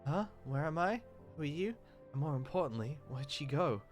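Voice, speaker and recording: A man's voice: on the high side, animated, normal speed, soft background music, close to an everyday voice. Give me a man playing a weary, grumbling worker with a slightly raised voice. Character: tired, grumpy male worker with British slang.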